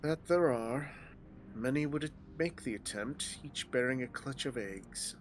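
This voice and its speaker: Soft music plays behind a man voicing a weary old male dragon in a game, his medium-pitched voice unhurried and lightly acted. He reads the grave, archaic lines cold and solemnly, stumbling at times.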